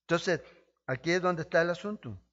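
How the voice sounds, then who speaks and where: A man preaching a sermon as pastor, impassioned, with rhetorical questions to his listeners, surging to emphatic peaks and dropping low. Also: fairly quick, fairly bright tone, lo-fi sound.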